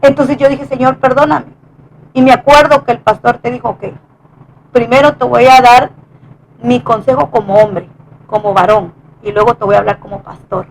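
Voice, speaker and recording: A woman with a high voice recounts a personal testimony in an earnest, conversational way. She often stumbles and restarts her phrases as she speaks. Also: fairly even intonation, vocal fry, slight background noise, low-quality recording. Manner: earnest, halting with many restarts. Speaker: wife sharing testimony.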